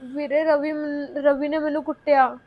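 A woman's voice: sits high, little pitch movement, moderate pace, highs cut off. A young woman playing a spoiled newlywed wife who whines and complains about her in-laws. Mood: scheming. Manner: whining, complaining, quarrelsome. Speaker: actor in a short film. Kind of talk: village short-film acting.

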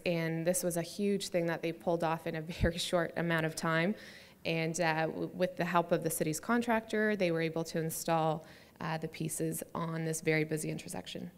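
Woman presenter, fry-heavy, lower voice, slide talk with lots of fillers. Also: flat delivery, normal speed. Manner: hesitant, many fillers. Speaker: conference speaker, city public art staff.

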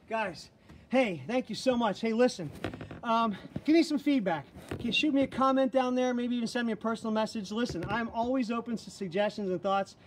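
High-pitched male fitness coach, energetic cue-calling, mic set back, faint hiss. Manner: energetic, calls out counts and cues. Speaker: fitness instructor. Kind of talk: live online workout coaching. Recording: distant mic, faint background noise.

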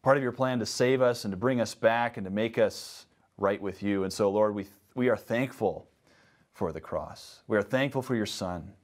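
A man in his thirties preaching a sermon from a lectern on a dark church stage, reading scripture with earnest emphasis. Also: lowish voice, moderate pace. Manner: earnest, emphatic rises on key words, hushed in prayer. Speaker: pastor.

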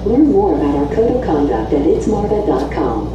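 A woman's announcement, its words spliced together from recordings, with lively rises and falls. It rings out from a distant loudspeaker in a train car. Loud rail noise and heavy echo surround it. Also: sits low, moderate pace, dull audio. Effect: spliced-together recorded words over a train loudspeaker. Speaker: transit announcer. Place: inside a moving train car. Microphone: onboard loudspeaker heard from a distance.

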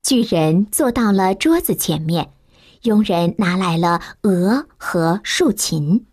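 A woman narrating a children's storybook slowly and expressively. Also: medium pitch. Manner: slow, expressive, lively storytelling.

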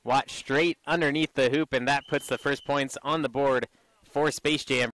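A man calling basketball play-by-play, excited on each made shot. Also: mid-range voice, normal speed, no echo, poor audio. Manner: energetic, excited calls on made shots. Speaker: play-by-play commentator.

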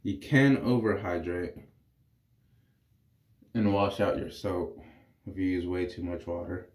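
A slow, low voice comes from a congested man in his thirties who reviews wet shaving. In a small bathroom full of echo, he keeps up relaxed, meandering commentary for the camera while shaving.

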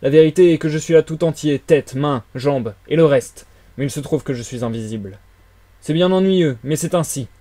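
A man's voice: fairly high pitch, moderate pace, dark tone, lightly acted. A man voicing an irritable, proud invisible man in a read-aloud story, speaking sharply and with exasperation. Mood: exasperated. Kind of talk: audiobook character reading.

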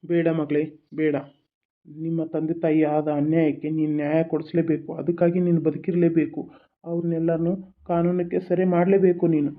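Man voicing a ghostly cartoon father, flat and high, solemn, tinny phone-like sound. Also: brisk, close to an everyday voice. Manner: solemn, steady urging. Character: dead father's spirit, solemn and vengeful.

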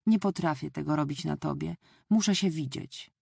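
A woman voicing a brisk, practical middle-aged wife in an audiobook, with a crisp, matter-of-fact delivery. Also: sits low, darkish tone, no echo, studio quality, exaggerated voice.

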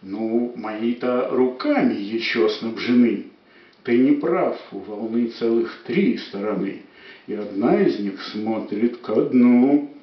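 A man giving a dramatic poetry declamation, with measured, emphatic phrases that swell and fall. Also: medium pitch. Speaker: poet reciting verse on stage. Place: echoey room, recorded at a distance. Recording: echoey room, distant dull microphone.

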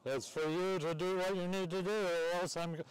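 A man's voice: sits high, steady tone, normal speed, smooth. A man announcing a live outdoor contest at a cow pasture, bantering jokingly with the crowd and teasing the waiting audience. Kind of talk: casual live event announcing.

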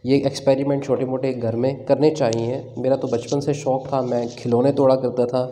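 Working with his hands at a table, a tech channel host with a Pakistani Urdu accent talks through a tutorial in a casual, filler-heavy way. His medium-pitched voice is mellow, with little pitch movement and a moderate pace.

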